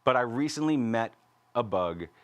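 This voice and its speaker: A man's voice: mid-range voice, expressive, normal speed, a bit bright. A man hosting a comedic live music talk show with goofy, self-aware banter. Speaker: host.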